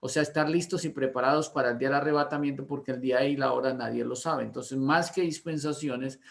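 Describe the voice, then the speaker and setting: A man's voice: on the high side, creaky. A man, a pastor teaching an online Bible class, often asking if he is understood. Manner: rhetorical questions to check understanding.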